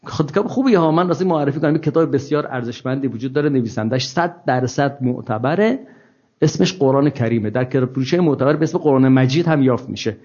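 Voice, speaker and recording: A religious lecturer gives an informal scripture talk to an audience, wry and ironic, with many rhetorical questions. He has a slightly high voice with a darkish tone. The recording is dull and lo-fi.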